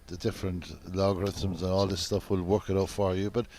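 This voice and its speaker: A man with a very low voice commentates on live snooker. He talks in a measured, conversational and understated manner, with some background noise from the venue around him. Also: level tone, a little mellow.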